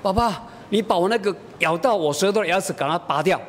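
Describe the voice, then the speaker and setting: A man's voice: fast, natural voice. A man voicing a stubborn, demanding little girl of about four, with an insistent, whiny manner. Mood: indignant. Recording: echoey hall, faint rumble.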